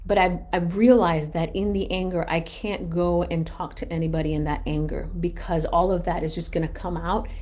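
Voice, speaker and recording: Her voice lowish and a little mellow, a thirty-something mother shares a personal story on a relaxed live stream, rambling frankly, backtracking, and chuckling at herself as she reflects.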